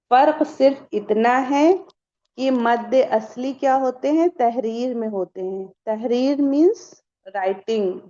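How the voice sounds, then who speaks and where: A woman's voice: fairly high pitch, warm tone, muffled recording. A woman teaching a Quran recitation lesson, patiently quizzing her class and answering her own questions. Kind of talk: online tajweed lesson.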